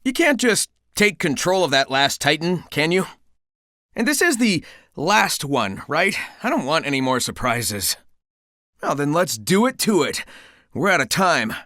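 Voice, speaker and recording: A cocky, good-hearted young hedgehog hero from a video game. The voice is youthful and slightly high, with lively swings in pitch. It is dry and close, and the delivery is casual, breezy and confident. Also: male voice, measured pace, no room sound, full character voice. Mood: determined. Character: cocky, upbeat, caring young male cartoon hedgehog hero. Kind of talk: video game character dialogue.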